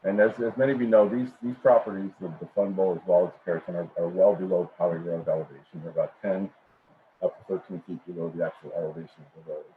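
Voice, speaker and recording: A middle-aged man giving a formal presentation at a public meeting over a video call. He sounds muffled, as if heard through a wall, and speaks haltingly with many ums and repeated words. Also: deep voice, fairly even intonation. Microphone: computer microphone on a video call. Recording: muffled, tinny online-meeting audio with faint noise.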